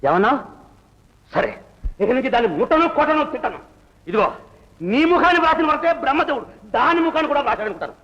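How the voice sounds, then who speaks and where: An actor playing an angry, threatening husband in an old film, with a dull, echoey soundtrack. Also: male voice, very high-pitched, big pitch swings, fast talker, pauses often, fairly bright tone, heavily acted. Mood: bitter. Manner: threatening, mocking. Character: violent, mocking male husband. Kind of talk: 1960s Telugu film acting.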